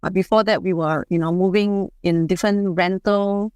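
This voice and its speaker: A woman in her fifties from Singapore, speaking as a guest in a podcast interview, measured and advisory, often saying "you know". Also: medium pitch, steady tone, a little mellow, clear, resonant tone, no echo. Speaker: guest, HR leader and board member.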